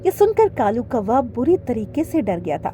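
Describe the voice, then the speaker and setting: A woman narrating a children's cartoon story in a clear, expressive storytelling voice, recorded as a studio voice-over. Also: fairly high pitch, moderate pace, faint music behind.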